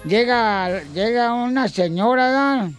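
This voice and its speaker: A woman's voice: a little high, unhurried, faint music behind. A woman with a Mexican accent co-hosting a radio comedy segment, trading jokes in playful, teasing banter and breaking into laughter. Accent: Mexican Spanish. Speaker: radio show co-host. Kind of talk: joke-telling radio banter.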